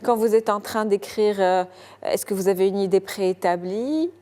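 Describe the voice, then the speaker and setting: A woman's voice: mid-range voice, fairly even intonation, moderate pace, mellow. A woman hosting a TV culture interview in a studio, formal and polished in her introductions, with occasional hesitant fillers in her questions. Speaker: TV culture show host.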